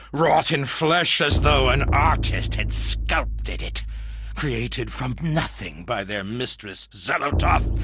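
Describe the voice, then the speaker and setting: A man playing a half-mad male survivor in a horror monologue, lurching between hushed whispers, manic laughter and shouts. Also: mid-range voice, background noise. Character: half-mad male survivor raving about monstrous parasites.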